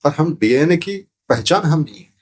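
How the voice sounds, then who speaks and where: Here a podcast guest who teaches sound therapy lays out spiritual ideas during an interview. His voice is a little high and slightly rough, animated, at normal speed. He lectures didactically, repeating phrases and asking rhetorical questions.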